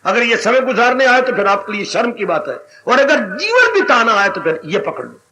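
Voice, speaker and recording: A man giving an animated devotional sermon as a spiritual teacher, breaking into exclamations and sung lines. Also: very high-pitched, normal speed, background noise.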